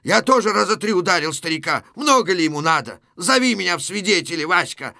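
A man's voice: high voice, expressive, fairly quick, vocal fry, bright, forceful tone, dry recording, studio quality, pitched above the performer's own voice, exaggerated voice. A man reading a play aloud, voicing a cynical ex-convict who lectures his neighbors. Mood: shouting. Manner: sardonic, lecturing. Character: cynical, worldly male ex-convict, mocking.

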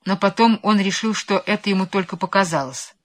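A woman narrating a children's storybook with animated, playful expression. Her voice sits in an ordinary middle range, and she reads steadily but with lively emphasis. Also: medium pitch, fairly quick.

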